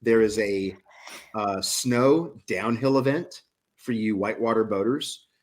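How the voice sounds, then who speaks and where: A man in his early forties chatting as a podcast guest. He talks in a somewhat low voice and stays upbeat and eager, plugging gear like he means it. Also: a little slow. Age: 40s. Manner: enthusiastic, promotional. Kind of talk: casual chat.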